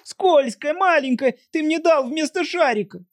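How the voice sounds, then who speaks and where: A man voicing an eager, impulsive small boy who exclaims in a shrill childish way while reading a storybook aloud. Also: lively intonation, a little slow, dry recording, studio quality, exaggerated voice. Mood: upset. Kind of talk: audiobook reading.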